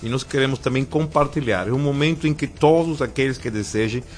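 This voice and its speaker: A middle-aged Cuban man with a Cuban accent, a pastor speaking as a radio interview guest in a calm, measured way. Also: mid-range voice, soft background music. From Cuba. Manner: calm, measured, repeats affirmations.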